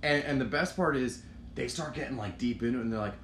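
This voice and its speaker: A young man casually telling a rowdy story with plenty of swearing, acting out his own shouts as he goes. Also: mid-range voice, fast talker. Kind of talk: casual chat. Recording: echoey room with some noise.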